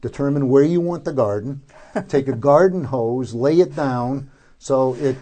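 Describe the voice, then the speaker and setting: An older man being interviewed as a gardener, informally explaining how to do things, haltingly and often searching for words. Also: mid-range voice, warm tone.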